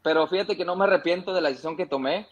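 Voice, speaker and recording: A man in his thirties from Mexico recounts his career in an easygoing interview. His voice sits a little high. He talks conversationally and stops now and then to excuse a cough. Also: very fast, slightly rough, lo-fi sound. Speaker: guest, former footballer. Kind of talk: casual interview storytelling.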